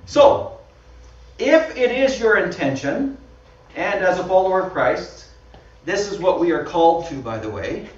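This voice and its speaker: A Canadian-accented pastor with a high-pitched, lively voice gives an unhurried, conversational sermon with slides in a small church hall, often laughing at himself. The sound is dull and roomy, picked up from far away.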